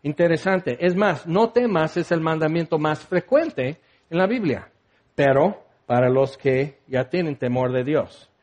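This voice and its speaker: A man preaching a sermon in an animated, conversational way with jokey asides. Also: fairly high pitch, a little slow.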